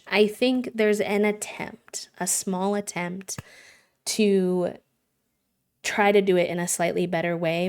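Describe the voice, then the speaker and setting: A woman livestreamer chatting earnestly with her viewers, talking casually with lots of "like"s. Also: on the low side. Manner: earnest, conversational, many "like"s. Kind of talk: casual live-stream chat.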